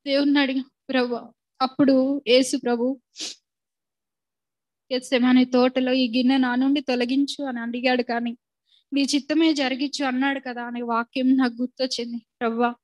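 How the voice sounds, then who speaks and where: A woman's voice: high-pitched, level tone, normal speed, pauses often, no room sound. A middle-aged woman giving an earnest, tearful spoken testimony as a widow at church.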